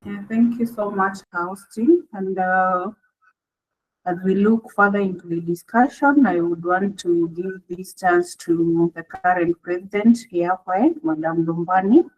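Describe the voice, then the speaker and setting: A woman's voice: on the low side, measured pace. A woman moderating a panel, asking polite, hesitant questions with many fillers. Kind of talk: panel discussion. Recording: dull lo-fi audio.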